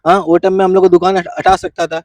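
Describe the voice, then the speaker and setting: A man's voice: high-pitched, level tone, quick pace, dry recording, distant mic. A man who runs a street stall, making an emphatic, aggrieved complaint in a street interview. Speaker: street vendor.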